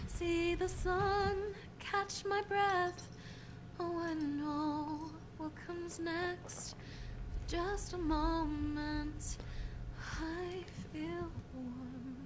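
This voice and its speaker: A young woman sings a gentle lullaby-like song. The voice is high and very slow, with clear music around it.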